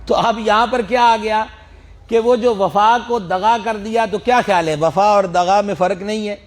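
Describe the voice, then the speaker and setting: Guy teaching quran sounds, pretty high voice, slow drawn-out drills and little jokes. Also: fairly even intonation. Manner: slow drawn-out letter drills, sometimes chanted; friendly teasing asides to students. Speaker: religious teacher. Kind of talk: Quran recitation lesson.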